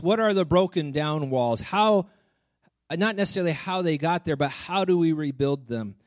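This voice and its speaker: Guy preaching a sermon, kinda high voice, earnest, gets emphatic, dry close mic. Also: darkish tone, no echo. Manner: earnest, rising to emphatic exhortation with repeated words.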